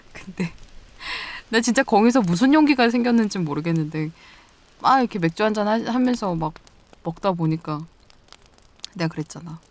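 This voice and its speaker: A woman's voice: medium pitch, animated, normal speed. Giggly teasing woman, whispered role-play. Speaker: ASMR role-play performer.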